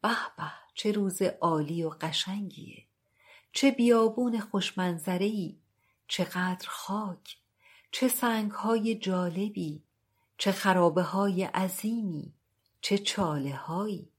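A woman voicing a flustered, fussy middle-aged male train traveler, polite at first and quick to take offense. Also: medium pitch, slightly rough, natural voice. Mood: forced cheer.

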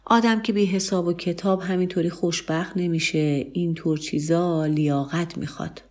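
A woman's voice: on the low side, fairly even intonation, darkish tone, lightly acted. A woman voicing a condescending man who scolds his friend in a patronizing tone. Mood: scolding.

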